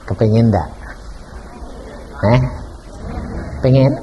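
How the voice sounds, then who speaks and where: A male preacher, telling a story in a sermon, swinging between loud and soft and asking his listeners questions. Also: medium pitch, extremely slow, muffled recording, slight background noise.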